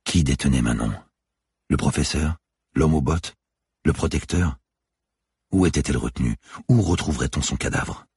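A man narrating a thriller audiobook in a measured, somber way. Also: a bass voice, darkish tone, slightly rough, no echo, studio quality.

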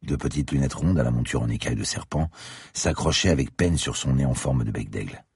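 A man narrating a story in first person, terse and gritty, with a husky voice. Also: a bass voice, fairly quick, darkish tone, no room sound, clean studio sound. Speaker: audiobook narrator.

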